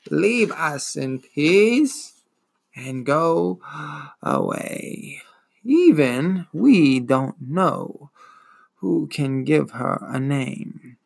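A man's voice: fairly high pitch, lively intonation, vocal fry, darkish tone, full character voice. Morla, a man voicing an ancient, gloomy giant turtle. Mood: weary gloomy. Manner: slow, gloomy, wheezing drawl.

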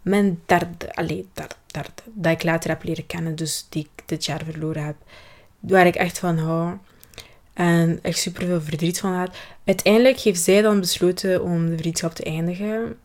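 A woman's voice: fairly low pitch, steady tone, normal speed, darkish tone. A young woman with a Flemish accent, hosting a personal podcast and talking through her year in a rambling way, often searching for words and restarting. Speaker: podcast host.

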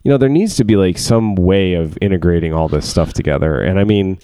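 A man with a very low, deep voice talks through a casual tech podcast. He rambles, leans on fillers and laughs often. The sound is close and dry. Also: brisk, dark tone, clear, resonant tone, dry recording. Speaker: podcast co-host, tech worker. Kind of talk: casual chat.

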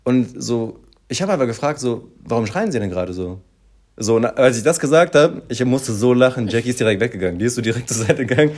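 Talking fast at a medium pitch, a man animatedly recounts an everyday story in casual conversation, peppering it with fillers and performing the voices of those he quotes.

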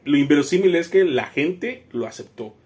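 A man with a Mexican accent, co-hosting a casual group podcast, who explains words slowly and deliberately. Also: a little high, lively intonation, a little mellow. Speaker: podcast co-host.

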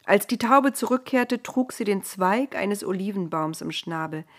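Woman narrator, slow, gentle storybook reading, whispers at moments. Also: mid-range voice, lively intonation. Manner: gentle, drops to a whisper at times.

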